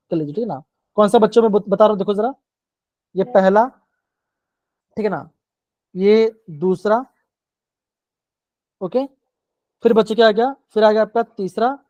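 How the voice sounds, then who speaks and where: In a live online chemistry class, a man with a high, somewhat dark voice explains things step by step, with no echo in the recording. He repeats himself and coaxes the students, often checking that they're keeping up.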